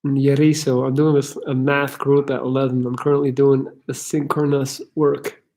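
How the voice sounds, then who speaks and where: A man's voice: medium pitch, little pitch movement, normal speed, darkish tone. A man from Belgium with an American accent, hosting a casual live chat and answering viewers' questions in a frank, rambling way that restarts often.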